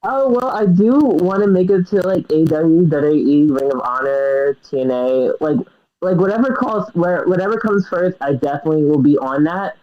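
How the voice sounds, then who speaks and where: A young man appears as a guest wrestler in a casual interview, sounding hesitant and giggly and relying heavily on fillers. His voice is fairly high and moves at a normal speed, captured with dull, lo-fi sound.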